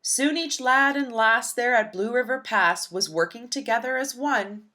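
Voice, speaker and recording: A woman narrating a rhyming children's storybook aloud in an expressive, rhythmic, dramatic way. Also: on the high side, a little slow. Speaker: storybook reader.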